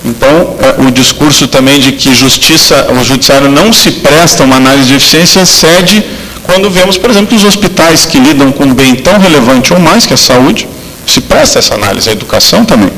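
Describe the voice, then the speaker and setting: A man's voice: medium pitch, expressive, fairly quick, fairly bright tone, big-room sound, low-quality recording. A man from southern Brazil giving an academic law lecture, speaking with frequent fillers and restarts. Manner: hesitant, many fillers and restarts.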